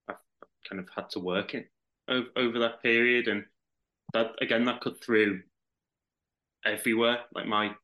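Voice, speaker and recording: A man's voice: lowish voice, fairly bright tone, low-quality recording. A man from Liverpool with a Liverpool accent, chatting as a podcast guest and rambling with many restarts. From Liverpool, England. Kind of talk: casual chat.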